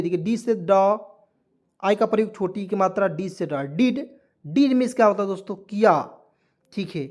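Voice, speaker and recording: A man's voice: high-pitched, darkish tone. A man teaching English vocabulary. He keeps asking his viewers what each word means and then repeats the answer. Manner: drills words, repeats questions to viewers. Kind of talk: lesson.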